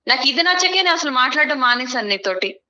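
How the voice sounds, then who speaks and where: A woman's voice: sits high, expressive, fast talker, lo-fi sound, heavy background noise. A woman guest on a counseling talk show who argues her side firmly and lectures the man beside her. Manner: firm, lecturing. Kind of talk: studio talk show dispute.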